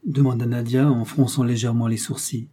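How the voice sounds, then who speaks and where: A man narrating a novel aloud in a calm, measured reading. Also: medium pitch, husky. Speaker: audiobook reader. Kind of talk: scripted narration.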